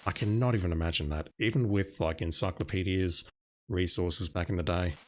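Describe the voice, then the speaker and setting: A Russian-speaking streamer chats casually over game music as he plays, musing aloud. His voice is low and steady, and he talks fairly quickly.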